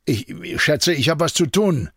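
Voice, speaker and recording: A man's voice: on the high side, very animated, normal speed, slightly rough, dry recording, studio quality, pitched above the performer's own voice, exaggerated voice. A man doing a stammering, bewildered doctor. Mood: confused. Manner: stammering, hesitant. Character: sleepy, bewildered male army doctor.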